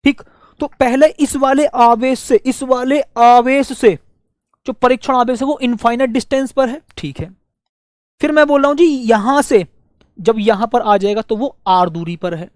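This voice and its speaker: A male teacher giving a physics lesson, repeating phrases slowly so students can write them down. He asks questions and answers them himself, and keeps coaxing the students as dear friends. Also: extremely high pitch, fairly even intonation, no room sound, studio quality. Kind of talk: physics lesson with dictated notes.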